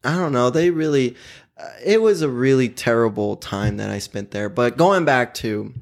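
Gravelly-voiced man telling frank stories. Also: medium pitch, animated, normal speed. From Oklahoma, USA. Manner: candid, laughs often, swears freely. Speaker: podcast guest. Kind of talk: casual personal storytelling.

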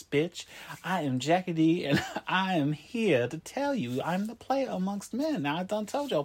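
A man playing a broke, boastful self-styled ladies' man who talks about himself in the third person. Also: high voice. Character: boastful broke male player, crude and vain.

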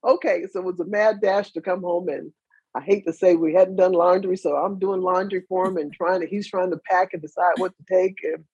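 A woman's voice: mid-range voice, slightly rough, no echo, lo-fi sound. A woman, the mother of a basketball player, earnestly telling a story in an interview. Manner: earnest, reflective, animated retelling.

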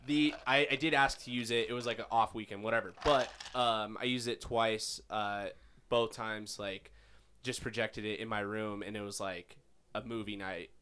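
A man in his twenties co-hosting a casual chat at home, animated and profane, full of "like" fillers, into a big microphone. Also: fairly low pitch, moderate pace, a little hiss or hum. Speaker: podcast co-host. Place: home bedroom. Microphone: large studio-style microphone.

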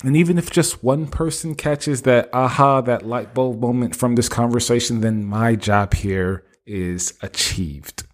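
A man's voice: medium pitch, unhurried, hardly any pauses. A man hosting a podcast, chatting casually and enthusiastically about business models before introducing his guest. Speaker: podcast host.

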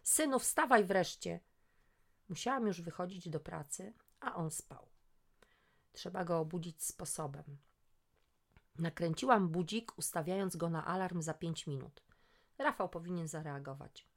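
Woman storyteller, low voice, lively expressive reading, story aloud. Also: measured pace, long pauses.

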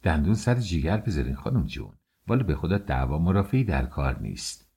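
A calm young married woman with a plan, giving orders and soothing others in an audiobook, as a male reader puts her on. The voice stays low and dark, with a husky edge and a lively lilt. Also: exaggerated voice. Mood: coaxing. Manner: firm, coaxing.

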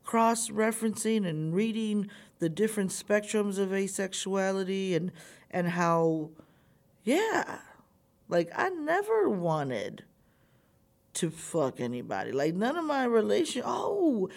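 Woman telling a story about her life, kinda gravelly voice, swears a lot, does the voices when she quotes people. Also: big pitch swings, slow pace, a little mellow. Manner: candid, profane, acts out quotes with big pitch jumps. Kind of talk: personal storytelling.

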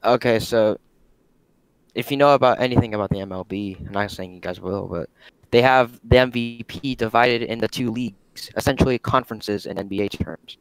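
A man's voice: on the low side, fairly quick, clean tone, no echo, rough recording. A young man calling in to a casual sports talk to ask a question. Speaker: caller asking a question.

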